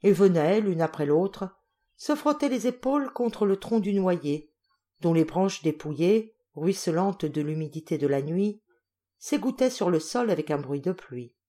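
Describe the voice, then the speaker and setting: A woman reading a classic French story aloud as an audiobook, measured and expressive. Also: on the low side. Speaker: audiobook reader. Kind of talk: literary audiobook narration.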